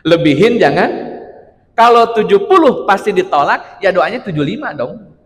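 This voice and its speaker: A man's voice: high voice, lively intonation, normal speed. A man giving a chatty, joking religious lecture in a mosque, keeping his listeners involved by addressing them as "Pak" again and again. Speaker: preacher. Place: mosque hall. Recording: long reverb of a large hall.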